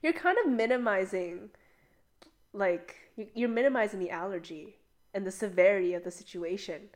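A young woman chats casually as a podcast co-host, her mid-range voice moving quickly from one story to the next. She fills her sentences with "like" and tells tales animatedly. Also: medium pitch. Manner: chatty, heavy use of "like", animated storytelling. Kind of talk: casual chat.

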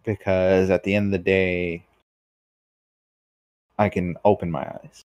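A man's voice: low-pitched, level tone, measured pace, darkish tone, no room sound, lo-fi sound. A man hosting a casual discussion, reflective and asking probing questions. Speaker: host.

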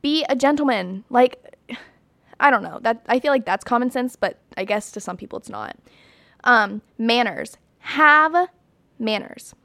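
Young woman vlogging, kinda high voice, dry close sound, blunt and chatty with tons of "like". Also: expressive, measured pace, gravelly, bright, forceful tone, dry recording. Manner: chatty and emphatic, many "like"s and "you know"s; blunt and opinionated. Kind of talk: casual talk to camera.

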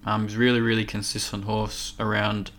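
A man analysing horse races casually, in a halting, hesitant manner. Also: lowish voice, monotone, a bit bright. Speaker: racing podcast tipster. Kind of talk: casual analytical racing chat.

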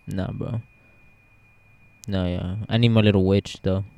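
A man's voice: deep voice, fairly even intonation, unhurried, creaky, darkish tone. A young man chatting casually while gaming in frat-bro slang, saying "bro" constantly and swearing freely. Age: young adult.

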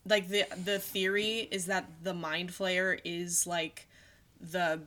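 A woman with a fairly low voice co-hosting a relaxed podcast chat. She rambles and hesitates, filling the gaps with "like" and "um". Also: slow pace. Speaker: podcast co-host. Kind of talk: casual chat about a TV show.

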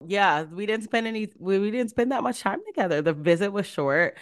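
A woman's voice: medium pitch, animated, a little fast, no room sound, studio quality. Frank, emphatic woman co-host. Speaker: podcast co-host. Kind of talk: casual chat.

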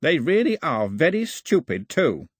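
A man voicing a frail, bewildered old male priest, croaking, pompous and given to wailing. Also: fairly high pitch, very animated, a little slow, dry recording, clean studio sound, voice pushed up, heavily acted. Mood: querulous.

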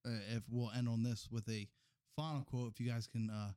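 A man's voice: mid-range voice, steady tone, fairly quick, warm tone, smooth. A man co-hosting a casual studio chat, playful and laughing, repeating lines for effect.

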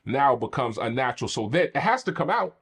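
A man hosting a podcast, telling a candid personal testimony with animated, preacher-like energy. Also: medium pitch, fast, breathy edge. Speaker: podcast host.

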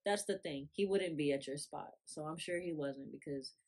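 A young woman co-hosting a casual chat podcast, blunt and animated, repeating her disgust at what she hears. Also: deep voice, moderate pace. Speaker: podcast co-host.

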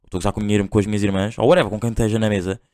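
A man's voice: lowish voice, flat delivery, very fast, a little mellow. Rambling young Portuguese man, slangy. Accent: European Portuguese. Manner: rambling, slangy, full of fillers and restarts. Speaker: podcast host. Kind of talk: casual storytelling monologue.

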